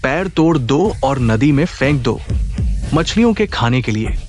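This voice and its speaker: A man's voice: medium pitch, animated, unhurried, faint music behind, close to an everyday voice. A man voicing a blustering thug boss. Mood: threatening. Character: arrogant, cowardly male thug boss. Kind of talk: Hindi dubbing of a drama.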